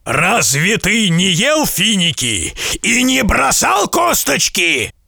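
A man voicing a huge, wrathful giant who shouts his threats slowly and menacingly in a storybook reading. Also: extremely high pitch, big pitch swings, creaky, no room sound, clean studio sound, pitched above the performer's own voice, full character voice. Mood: furious.

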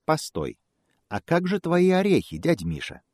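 A man voicing a calm, friendly male cat who speaks politely. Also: fairly high pitch, normal speed, no room sound, clean studio sound, voice pushed up. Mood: easygoing.

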